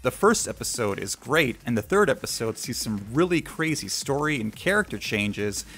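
A man's voice: medium pitch, sing-song, moderate pace, fairly bright tone. A man reading a scripted anime review as narration. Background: faint music.

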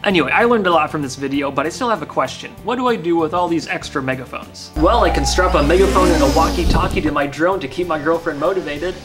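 Over music, a man in his twenties with an American accent hosts a science video, chatting informally to camera from an open-fronted garage workshop. His pitch is fairly high, and he talks fast with hardly any pauses.

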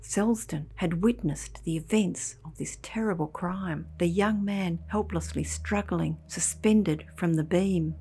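A woman narrating a scripted ghost story in a measured storybook delivery, with a husky, slightly breathy voice. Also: lowish voice, warm tone.

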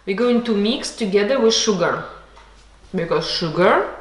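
Speaking in an animated mid-range voice at a measured pace, a woman gives her child a home baking lesson, patiently instructing in non-native English sprinkled with Russian words. The indoor kitchen is echoey, and a camera across the table picks up clattering dishes.

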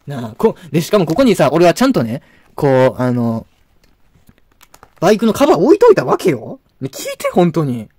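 A man's voice: a little high, wildly swooping pitch, brisk, mellow, husky, no echo. A man with a Kansai accent, ranting angrily to camera with insults and frequent restarts. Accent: Kansai Japanese. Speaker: video blogger. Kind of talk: angry rant to camera.

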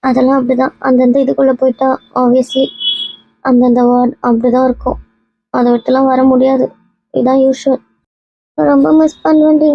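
A woman playing a gravelly, quick, tearful young wife. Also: medium pitch, fairly even intonation, dry recording, lo-fi sound, close to an everyday voice. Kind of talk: homemade family skit.

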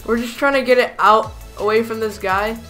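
A hoarse woman giving chatty, self-deprecating commentary over her own gameplay as a gaming YouTuber. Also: fairly high pitch, normal speed, a bit bright, soft background music. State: hoarse, lost voice.

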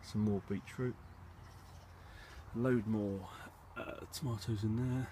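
A low-voiced English allotment gardener and vlogger gives a casual, rambling video tour of his plot and polytunnel, speaking slowly in a steady, dark tone. It is recorded on a handheld phone or camera behind the lens, with wind and background rumble making it noisy.

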